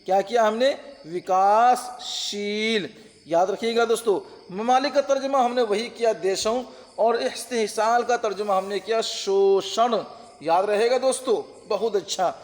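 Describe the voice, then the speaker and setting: A man's voice: high voice, normal speed, darkish tone, big-room sound. A man teaching an online exam-prep lesson on translation, patient, repeating terms and checking that listeners follow. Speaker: Urdu-Hindi translation teacher.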